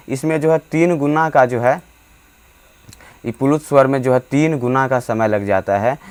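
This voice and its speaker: Male teacher explaining grammar for exam prep; halting delivery full of fillers, stretches vowels out to demonstrate them. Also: mid-range voice, clean tone. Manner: halting, many fillers and restarts. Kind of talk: hindi grammar lesson.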